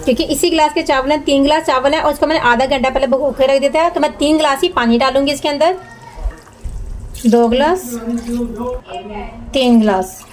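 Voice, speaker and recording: Her high voice runs a little fast but breaks into long pauses as she walks viewers through a recipe one step at a time. She's a home cooking show host giving plain, often repeated instructions at the stove, with frying, sizzling, and stirring noisy behind her.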